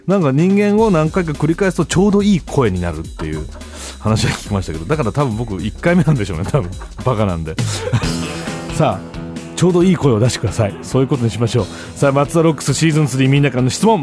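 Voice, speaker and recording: Loud, animated male comedian host. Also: mid-range voice. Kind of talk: casual radio-style monologue.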